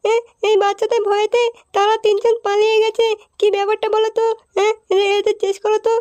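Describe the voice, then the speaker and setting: A woman voicing a fussy, sharp-tongued adult woman in a comic cartoon who fires off question after question. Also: very high voice, little pitch movement. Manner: scolding, rapid questioning. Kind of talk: cartoon voice acting.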